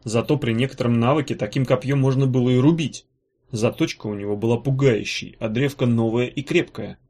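A man narrating a fantasy novel as an audiobook in a steady, even storytelling manner. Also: medium pitch, brisk. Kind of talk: scripted narration.

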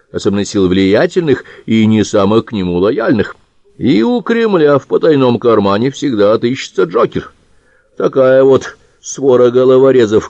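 A male audiobook reader voicing a heated, blunt Georgian man who talks emphatically in a higher voice. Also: a little mellow, no echo, muffled recording. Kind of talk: audiobook character reading.

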